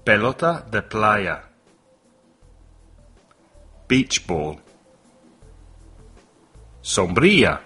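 A man hosting a bilingual English lesson podcast, leading slow, deliberate vocabulary drills with lots of repetition. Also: on the low side, sing-song, sharp tone, breathy edge, faint music behind. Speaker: English teacher and podcast host.

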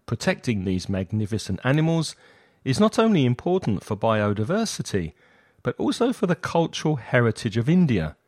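A man's voice: medium pitch, big pitch swings, normal speed, a little mellow, dry recording, clean studio sound. A man reading scripted narration in the style of a nature documentary.

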